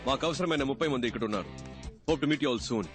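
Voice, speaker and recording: An actor playing a stern male officer who interviews job candidates, speaking briskly. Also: mid-range voice, close to an everyday voice. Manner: brisk, authoritative. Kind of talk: Telugu film dialogue. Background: film score music.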